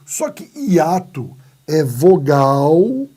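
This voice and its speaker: A Brazilian man with a Brazilian Portuguese accent teaches a lively grammar lesson in a recorded video, asking and answering his own questions, acting out little skits and adding playful asides. His voice is on the high side, mellow and extremely slow, with big pitch swings.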